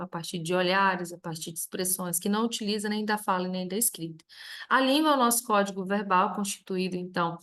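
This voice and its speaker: A woman teacher with a Brazilian Portuguese accent, reviewing a grammar lesson in a clear, step-by-step way and stressing each example word. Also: medium pitch, fairly bright tone.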